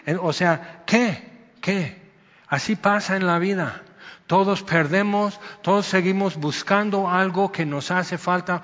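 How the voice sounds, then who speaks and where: A man's voice: high voice, measured pace, fairly bright tone. A man preaching a sermon, chatty and storytelling, breaking into sudden emphatic outbursts. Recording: dull sound with long hall reverb.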